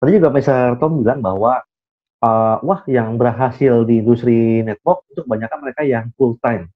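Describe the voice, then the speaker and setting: A man's voice: medium pitch, normal speed. Host guy asking the next question, sounds like a phone line. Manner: poses questions briefly, thanks the guest. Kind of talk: moderating an online Q&A. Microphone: video call. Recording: tinny phone-like call line.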